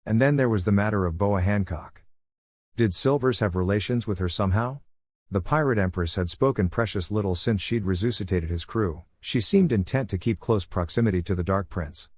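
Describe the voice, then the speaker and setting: Guy reading a fanfic story, lowish voice, dry close sound, steady pace. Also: a little fast, dry recording. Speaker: narrator. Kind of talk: scripted story narration.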